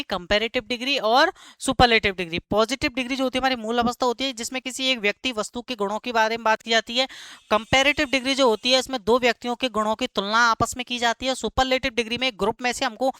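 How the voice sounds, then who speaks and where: A man teaching a live grammar class, who keeps stopping to ask students quick check questions and repeats key words slowly. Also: very high-pitched, bright, forceful tone, clear, resonant tone, no room sound.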